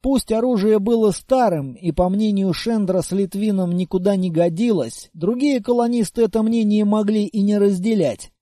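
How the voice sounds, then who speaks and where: Guy reading an audiobook in first person, steady and even, fairly high voice, totally dry sound. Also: moderate pace, hardly any pauses, dry recording. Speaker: audiobook narrator.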